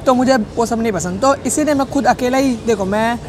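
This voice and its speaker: A man's voice: extremely high pitch, brisk. Young man, casual vlog, rambling and jokey, handheld camera in a cafe, faint noise. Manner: rambling, jokey, self-correcting. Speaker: vlogger. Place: public cafe.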